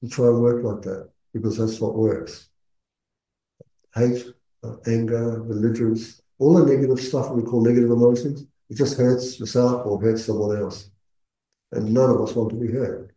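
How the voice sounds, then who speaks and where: A man speaking as a Buddhist meditation teacher, giving earnest, measured spoken teaching with pauses mid-phrase. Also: medium pitch, level tone, warm tone. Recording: echoey room.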